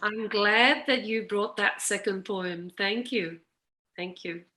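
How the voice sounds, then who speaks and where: A woman's voice: mid-range voice, takes it slowly, bright, forceful tone. A woman hosting a poetry open mic in a casual, encouraging way.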